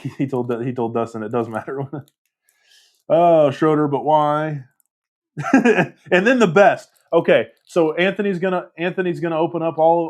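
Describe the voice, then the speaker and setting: Rambling, laughing man hosting a livestream. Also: a little high. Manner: rambling, self-deprecating, laughs often. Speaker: livestream host. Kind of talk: casual livestream chat reading comments.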